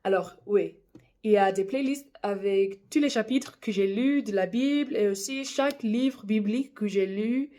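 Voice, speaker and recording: A woman whose first language is English, reading scripture aloud in French with an English accent. She reads carefully and at a measured pace, with small stumbles along the way. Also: medium pitch, warm tone. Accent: English-speaking accent in French. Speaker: Bible reader, channel host.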